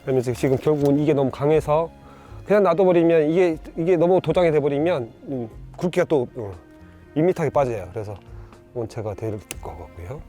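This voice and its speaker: Male bonsai grower, casual demo, a bit high-pitched, stop-start delivery over faint background music. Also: warm tone. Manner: halting, many fillers and restarts, pointing things out. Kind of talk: casual instructional demonstration.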